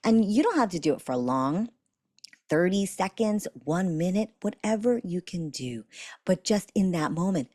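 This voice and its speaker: A woman coaching listeners on a spiritual journey in a self-help teaching talk, expressive and softening to guide slow breathing. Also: on the low side, dry recording, studio quality. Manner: expressive, acts out little quoted voices; slows and softens when guiding breathing.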